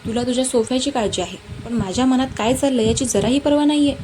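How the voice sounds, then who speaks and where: A woman's voice: high-pitched, quick pace, dark tone, voice pushed up, natural voice. A woman voicing an angry, stubborn young man who demands answers, over a noisy background.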